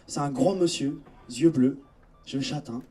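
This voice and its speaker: A man's voice: medium pitch, unhurried, warm tone, recorded from a distance, soft background music. A young man from Algeria, telling stories in a chatty stand-up comedy set on a theatre stage, speaking straight to the audience. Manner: chatty storytelling, addresses audience directly.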